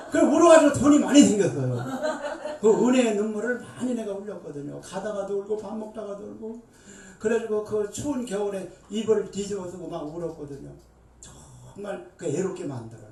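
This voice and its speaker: A middle-aged woman, a seminary dean, preaching a Bible lecture with emphatic, animated delivery to an audience. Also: medium pitch. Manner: emphatic, animated, with bursts of shouting and laughter. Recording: echoey room, voice far from mic.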